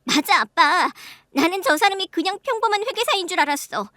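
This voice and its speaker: A young man in his mid-twenties jumps in to defend his sister in a radio drama, voiced by a woman. The voice is high and bright. The sound is dry. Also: animated, brisk, no echo, heavily acted. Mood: defensive.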